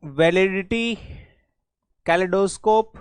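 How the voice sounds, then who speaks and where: A man's voice: high voice, slow pace, smooth, dry recording. A man teaching an exam-prep English spelling lesson in Hindi mixed with English words, often checking in with his students.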